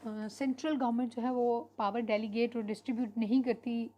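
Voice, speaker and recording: A woman teaching an online class. Her voice sits fairly high yet sounds mellow and warm. She explains in an unhurried way and pauses on fillers. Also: steady tone. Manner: explanatory, mixes English terms into Hindi-Urdu, frequent fillers. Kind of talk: online lecture.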